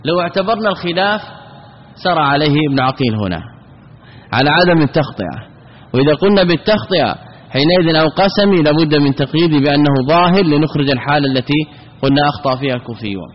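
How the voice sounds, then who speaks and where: A man with a fairly high voice teaches a classical grammar lesson. He explains step by step and keeps asking questions that he then answers himself. The recording is dull and lo-fi, with a long reverb like a large hall. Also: lively intonation, fast talker.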